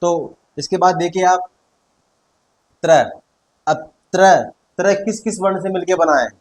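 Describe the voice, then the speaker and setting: Unhurried and steady in tone, a high-pitched male teacher explains Hindi consonants, pronouncing each one repeatedly and checking in with "theek hai." The recording is low quality.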